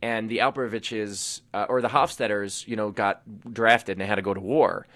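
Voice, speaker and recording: A man's voice: fairly low pitch, fairly even intonation, normal speed, a bit bright, no room sound. A man, a comedian chatting as a radio guest in a rambling, self-deprecating way with lots of restarts. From New York City. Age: 20s. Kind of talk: casual radio interview chat.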